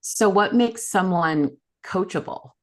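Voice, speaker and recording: A woman's voice: mid-range voice, slow pace. A woman hosting a podcast conversation, asking questions and backing the guest with frequent short affirmations. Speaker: podcast host.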